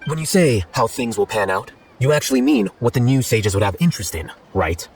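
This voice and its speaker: A man's voice: mid-range voice, animated, brisk, darkish tone, a little hiss or hum, lightly acted. Blunt, composed young scholarly official, acted by a man. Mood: cool, matter-of-fact. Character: calm, blunt male scholar and acting official. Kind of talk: video game voice acting.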